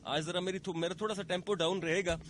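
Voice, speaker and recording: A man's voice: high-pitched, fairly even intonation, fast talker, fairly bright tone, a little hiss or hum. A man with a Pakistani accent hosting late-night radio, playfully reading listener messages, his throat slightly sore. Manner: chatty, playful, teasing. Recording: radio broadcast with faint music bed.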